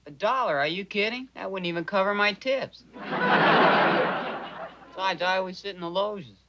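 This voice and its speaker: An actor playing a wisecracking kid brother. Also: male voice, high-pitched, moderate pace, natural voice. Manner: wisecracking, deadpan teasing. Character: wisecracking teenage younger brother. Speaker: younger brother. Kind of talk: 1950s sitcom acting. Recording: dull lo-fi TV soundtrack, loud noise.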